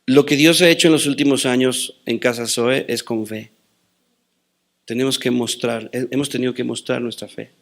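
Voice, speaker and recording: Gravelly-voiced man preaching a dramatic sermon. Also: medium pitch, steady tone, normal speed. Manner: dramatic preaching, swinging between loud declarations and hushed asides; quotes scripture and tells personal stories. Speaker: pastor.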